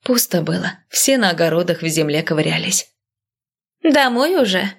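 Woman narrator, lowish voice, steady first-person audiobook reading. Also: fairly quick, gravelly.

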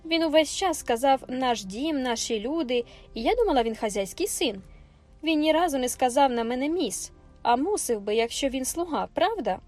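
A woman's voice: sits high, expressive, moderate pace, darkish tone, soft background music. A woman voicing a spoiled, bossy young girl in an audiobook, imperious and indignant. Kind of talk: audiobook character voice.

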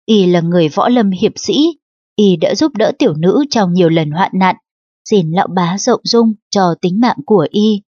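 A woman's voice: on the low side, moderate pace, a little mellow, dry recording, natural voice. A woman reading the lines of a polite young noblewoman who pleads humbly and respectfully, for an audiobook. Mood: pleading. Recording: dull lo-fi audiobook recording.

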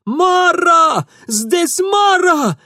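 Shrill, panicky young man. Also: sing-song, unhurried, no room sound, clean studio sound, exaggerated voice. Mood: panicked. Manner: shrieking, frantic yelling.

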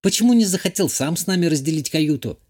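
A proud young countess bristles and snaps in reproach, as a male audiobook reader lifts his voice to play her. Her lines come out higher than his own telling. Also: lively intonation, fast. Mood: indignant. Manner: sharp, indignant, reproachful.

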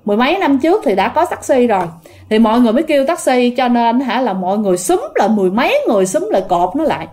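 A woman's voice: on the high side, racing. A woman telling a ghost story casually, talking directly to her listeners. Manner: animated, addresses listeners directly.

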